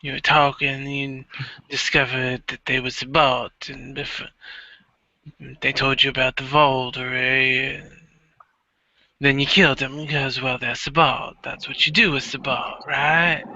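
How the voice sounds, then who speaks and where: A man voicing a calm, scheming older vampire father who speaks slowly and knowingly. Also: mid-range voice, dry recording. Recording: dull lo-fi recording.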